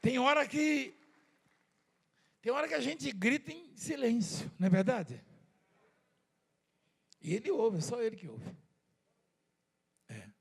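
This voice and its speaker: A man's voice: extremely high pitch, sing-song, measured pace, vocal fry, long pauses, husky. A man with a Brazilian Portuguese accent preaching a sermon in a conversational way, with rhetorical questions and repeated words.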